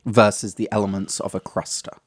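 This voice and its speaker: A man's voice: fairly low pitch, flat delivery, brisk, husky. A man in a casual chat, tasting and asking curious questions with a dry, joking manner. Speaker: co-host tasting the drink.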